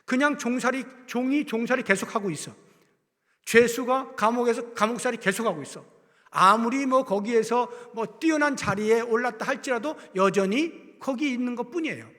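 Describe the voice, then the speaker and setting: A pastor delivers a sermon in a church sanctuary, his voice sitting high for a man. He presses some phrases out loudly and drops others to a near whisper. Long reverb from the hall hangs after his words. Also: normal speed. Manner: preaching with big swings from loud emphasis to hushed near-whispers.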